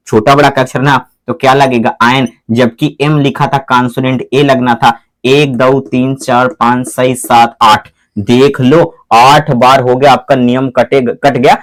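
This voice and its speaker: A man teaching a grammar lesson in classroom style, often asking his students questions and repeating them, and saying English words with a Hindi accent. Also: mid-range voice.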